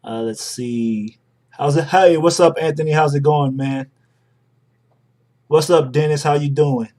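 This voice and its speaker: A man's voice: a little high, measured pace. Laid-back man chatting on a livestream. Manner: relaxed, chatty, greets viewers by name. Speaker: livestream host. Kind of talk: casual live-stream chart commentary.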